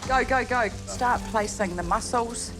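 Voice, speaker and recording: New Zealand woman, cooking-show contestant, barks orders at her partner in the kitchen, music underneath. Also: a little high. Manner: bossy, rapid-fire instructions. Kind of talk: reality TV kitchen talk. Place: busy competition kitchen. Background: background music.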